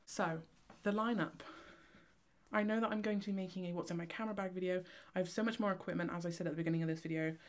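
Facing a camera on a tripod, a young adult from Cornwall with a lowish voice and Cornish accent delivers a rapid, chaotic, excited vlog ramble. She is a vlogger and photography student chatting casually.

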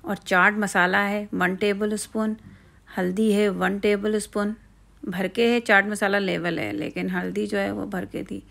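A home cooking channel host walks through a recipe in a relaxed, chatty tutorial style, explaining step by step and filling pauses with fillers. Her voice is strongly gravelly and her pitch stays flat and even. It sounds like she's filming on a phone outdoors at night.

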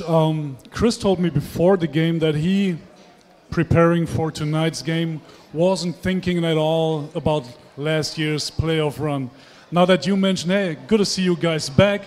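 High-voiced male host in a hall. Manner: chatty, lively questioning. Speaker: arena host and interviewer. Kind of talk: postgame stage interview. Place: stage in a large dark hall. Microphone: handheld mic. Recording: long hall reverb.

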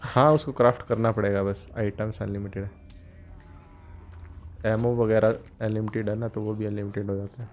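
Excitable man streaming a horror game. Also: on the low side, moderate pace, slight background noise. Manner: excitable, shouts in panic during fights. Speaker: gaming streamer. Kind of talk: live gameplay commentary.

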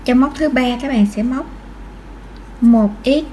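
A high-pitched woman talks through a crochet tutorial. She is patient and counts each stitch aloud. A faint hiss sits behind her voice. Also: measured pace, warm tone. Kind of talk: step-by-step crochet instruction.

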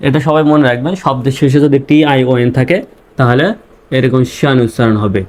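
A man's voice: medium pitch, fairly quick, darkish tone. Man spelling words out syllable by syllable. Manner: spells words letter by letter, then repeats them syllable by syllable; asks the viewer questions and answers them himself. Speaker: English teacher. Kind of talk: slow spelling-out lesson.

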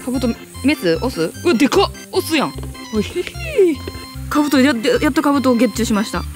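A woman with a Kansai accent chatting excitably and jokingly while hunting bugs outdoors, sometimes shrieking in fright. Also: sits high, very fast, soft background music. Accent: Kansai Japanese. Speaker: vlogger. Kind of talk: casual outdoor bug-hunting vlog.

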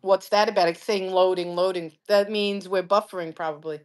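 A woman's voice: medium pitch, fairly even intonation, fairly quick, darkish tone. A woman in her fifties hosting a casual live stream from her living room, chatty and blunt, talking into a phone at arm's length. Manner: chatty, blunt, laughs easily. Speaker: cooking channel host. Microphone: phone held at arm's length.

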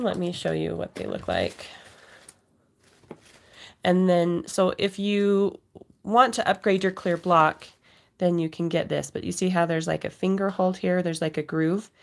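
Lowish and gravelly, the voice belongs to a middle-aged woman with a cold who coughs occasionally. She's the host of a casual craft demonstration for viewers, set indoors at a home craft table.

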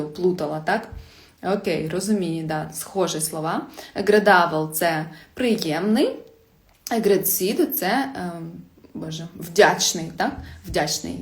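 A woman teaching a casual live-stream language lesson, chatty and laughing often as she reads out viewer comments. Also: lowish voice. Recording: roomy echoey room.

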